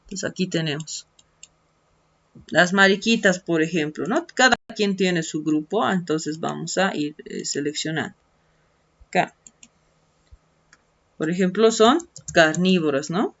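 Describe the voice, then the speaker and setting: A woman's voice: lowish voice, measured pace, long pauses, fairly bright tone. A woman teacher patiently walking students through textbook activities step by step in an online lesson. She often adds a questioning tag and stretches out key words as she writes them. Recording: dull lo-fi screen-recording audio.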